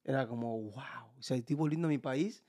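A man in his forties speaks with a Buenos Aires Argentine accent. His voice sits at an ordinary middle pitch. As a podcast guest he tells his story in a loose, animated way, slipping into the voices of the people he quotes. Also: fast talker. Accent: Buenos Aires Argentine Spanish. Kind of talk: casual interview chat.

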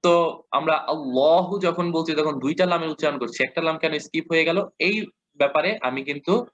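A man with a Bangladeshi Bengali accent teaching a lesson, patiently repeating examples and modeling slow recitation. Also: on the high side, a bit bright. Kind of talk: explanatory lesson. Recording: dull lo-fi audio.

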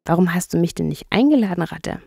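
A gruff but sociable male otter from a children's storybook, voiced by a woman. His voice is low and dark with some gravel, in a dry close recording. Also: lively intonation, quick pace, no echo, heavily acted. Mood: grumbling.

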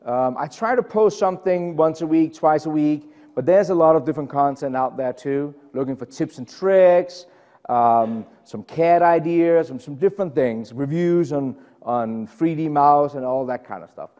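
A man's voice: fairly high pitch, normal speed, dark tone, in a large hall. A middle-aged man from Denmark with a Danish accent, presenting a technical session in a casual, chatty way full of fillers and self-deprecating asides. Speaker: conference presenter. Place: conference room.

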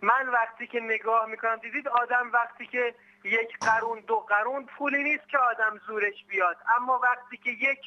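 A man's voice: extremely high pitch, steady tone, pushed and bright. A male caller on a phone line, complaining in a heated, accusing and insistent way. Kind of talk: angry call-in complaint. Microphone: telephone.

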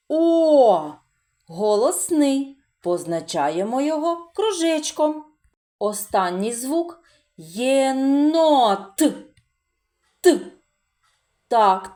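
Woman, preschool teacher, sing-song lesson voice, fairly high, very slow and lively, drawn-out sounds. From Ukraine. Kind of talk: children's literacy lesson.

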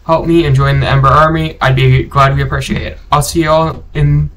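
A man's voice: mid-range voice, flat delivery, moderate pace, fairly bright tone. A man giving casual gameplay commentary as a gaming channel host, rambling and often correcting himself as he talks. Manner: rambling, self-correcting, chatty.

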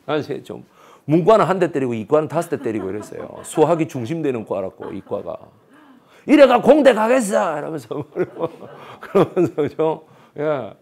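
A male history lecturer with a Busan Gyeongsang accent tells his story in a lively, theatrical way. His voice sits a little high and swings widely in pitch as he acts out the people he quotes. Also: normal speed, creaky.

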